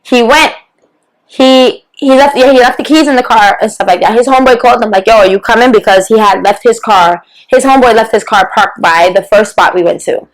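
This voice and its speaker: A woman's voice: fairly high pitch, brisk, rough recording. Woman telling a profane, heated story. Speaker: guest podcast co-host. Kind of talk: animated storytelling, casual podcast chat.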